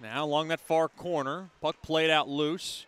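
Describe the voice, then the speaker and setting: A man's voice: a little high, steady tone, unhurried, fairly bright tone, clear, resonant tone. A man giving live hockey commentary as play-by-play announcer, describing the action in short, clipped phrases.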